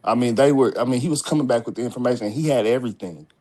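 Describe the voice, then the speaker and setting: Casting: a man in an average pitch, talking loosely and rambling over a video call. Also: very fast, a little mellow. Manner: rambling, addresses listeners as y'all. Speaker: caller sharing a story. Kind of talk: casual storytelling on a video call.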